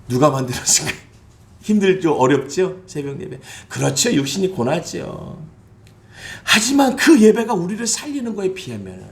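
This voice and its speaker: A male pastor preaching a Sunday sermon in a high, gravelly voice. His pitch leaps and falls constantly, dropping to low confiding asides before he bursts into shouted exclamations. He sounds middle-aged.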